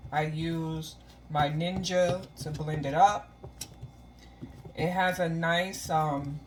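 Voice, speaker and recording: A woman vlogging casually to camera about her diet in an easygoing way that she calls monotone, recorded on a phone at home. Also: sits low, a little hiss or hum. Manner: self-described monotone, easygoing and chatty.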